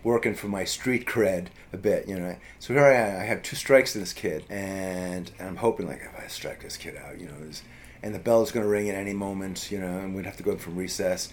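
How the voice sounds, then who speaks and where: A man's voice: sits low, brisk, slight background noise. A middle-aged man telling a childhood story in a casual chat, rambling with lots of fillers and restarts. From US East Coast.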